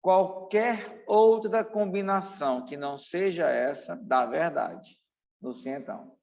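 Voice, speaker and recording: A Brazilian man lectures like a teacher preparing students for an exam, speaking slowly in a high, creaky voice with a darkish tone. His delivery is didactic and emphatic, and he repeats key points in a Brazilian Portuguese accent. The audio sounds dull and muffled, with a long room reverb.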